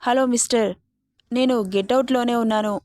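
A woman's voice: on the high side, steady tone, moderate pace, darkish tone, dry recording, studio quality, lightly acted. A woman voicing a bold, cheeky young woman who teases and fakes tearful pleading. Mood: sassy. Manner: teasing and sassy, mock-tearful pleading.

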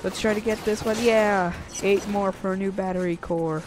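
A man hosting a gaming channel, chatting and reacting excitedly as he plays. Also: high voice, normal speed. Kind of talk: casual gameplay commentary. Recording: commentary over loud game music. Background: game music.

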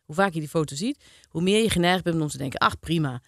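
A woman's voice: on the low side, rapid-fire, no echo, clean studio sound. A woman co-hosting a casual podcast chat, explaining things at length with frequent hesitant fillers. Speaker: podcast co-host.

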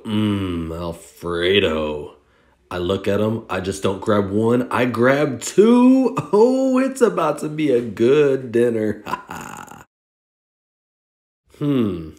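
A man in his thirties, a service dog handler, chatting casually to viewers and his dog while filming on a phone in a supermarket. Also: low-pitched. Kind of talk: casual vlog narration. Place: car, then large supermarket indoors.

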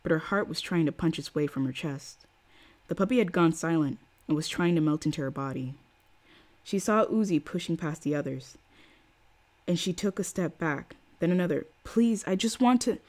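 A woman's voice: low-pitched, darkish tone. A woman reading a novel aloud on a live stream, voicing the quoted lines with feeling and stopping now and then to greet her chat. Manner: reads with acted quotes, pausing for chat.

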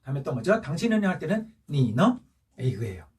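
Patient man teaching, lively and husky. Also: on the high side, very fast, distant mic. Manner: patient, repeats points with rising check-in questions. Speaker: Chinese language teacher. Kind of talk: recorded classroom lesson for seniors.

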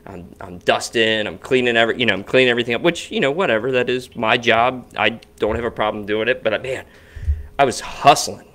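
A man's voice: medium pitch, fairly quick, sharp tone. A man co-hosting a podcast in casual chat, talking in a rambling way with frequent restarts. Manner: rambling, restarts often, chatty. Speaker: podcast co-host. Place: basement home studio.

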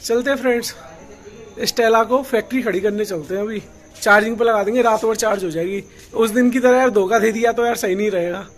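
A man's voice: sits high, steady tone, quick pace. A young man chatting casually to viewers in a vlog, exclaiming often. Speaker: vlogger.

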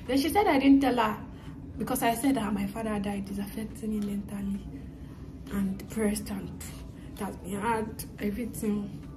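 A woman's voice: medium pitch, steady tone, moderate pace, over music. A woman in her twenties chatting straight to her viewers in a casual vlog, telling them about her day. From not from Canada, studying there. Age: 20s. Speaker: vlogger. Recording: noisy with crowd chatter.

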